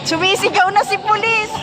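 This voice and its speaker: A woman casually calling a basketball game, chatty and teasing as she names each player. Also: high-pitched. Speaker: courtside commentator. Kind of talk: casual play-by-play commentary. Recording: music playing under voice.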